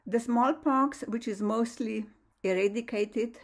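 A woman from Slovenia giving a measured, formal science lecture over slides, with slightly non-native phrasing. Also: fairly high pitch. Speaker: lecturer, astrophysicist. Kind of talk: prepared online science lecture.

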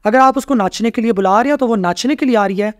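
A woman's voice: fairly high pitch, fast, no room sound. Emphatic woman, dry close sound. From Pakistan. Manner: emphatic, rhetorical questions, repeats key phrases. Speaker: podcast guest, rights activist. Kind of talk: conversational interview.

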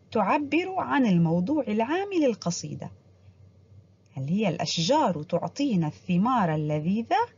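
A woman teacher giving a recorded reading lesson to young pupils, stretching words out slowly for them to repeat and praising them often. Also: a little high, darkish tone, slight background noise. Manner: slow drawn-out word drills. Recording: dull lo-fi audio.

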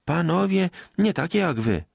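An excited, out-of-breath peasant wife chatters on in rustic country talk in this storybook reading, her voice lifted well above the reader's own. A man acts her out, keeping his creaky grain under the high, swooping lines. It was recorded in a dry, close studio. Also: moderate pace, no room sound, heavily acted. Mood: gushing. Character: chattering breathless village wife, middle-aged woman.

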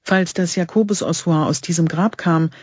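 A man reading the part of an eager, secretive male archaeologist in an audiobook, with a husky voice. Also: on the high side, fairly even intonation, moderate pace, no echo, natural voice. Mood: explaining. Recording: dull lo-fi recording.

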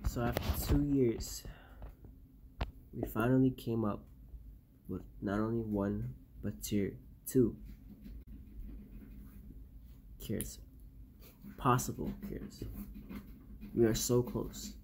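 A young man playing a guilt-ridden doctor in an amateur found-footage diary, talking in a halting, subdued, weary way. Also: lowish voice, steady tone, darkish tone. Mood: weary, hopeful. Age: young adult. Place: small bedroom, indoors. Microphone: phone at arm's length. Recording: noisy phone recording with clicks.

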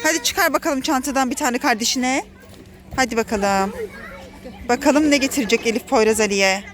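A woman's voice: sits high, normal speed, a bit bright. A woman with a Turkish accent filming a family play vlog, talking to her children as their mother and warning them with lots of drama.

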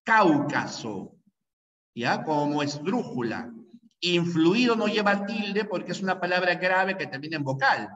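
In an echoey classroom, a man from Peru who teaches language before university lectures at a moderate pace, his voice sitting high, a bit bright, and lively in intonation. He hammers the key rules repeatedly and asks frequent questions to check understanding. A distant mic gives dull sound.

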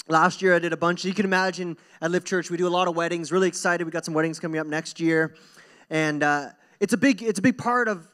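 The young man preaching here has a high-pitched, fairly bright voice. Speaking into a handheld microphone on a church hall stage, he delivers a conversational sermon to the congregation in an earnest, informal manner and repeats phrases for emphasis.

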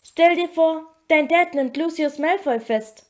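A woman's voice: high voice, unhurried, voice pushed up. A woman reading an audiobook, voicing an alert teenage schoolboy who calls out sharply. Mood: musing.

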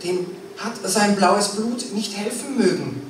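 A woman giving an experimental spoken-word performance, chanting long rhythmic lists with sweeping swings between hushed and loud. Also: mid-range voice, expressive, slow pace. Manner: incantatory, rhythmic listing with sweeping shifts in loudness and pace. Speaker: performance poet. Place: live stage in a reverberant room. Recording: distant live recording in a very echoey room with faint noise.

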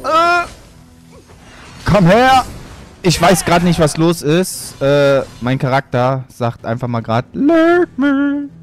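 A man's voice: a little high, lively intonation, slow pace, faint music behind. A playful trash-talking gamer guy. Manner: playful boastful trash talk. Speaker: let's player. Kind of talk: gameplay commentary.

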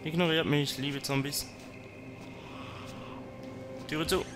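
A man's voice: on the high side, fairly even intonation, takes it slowly, music in the background. A man commenting on his gameplay, talking to zombies and to himself and swearing when startled. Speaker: let's player.

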